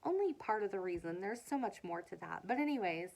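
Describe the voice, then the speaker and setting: A woman rambling casually in a vlog from her living room, filming on a handheld phone, with many fillers and soft laughs. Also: mid-range voice, expressive, brisk, vocal fry, poor audio. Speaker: vlogger.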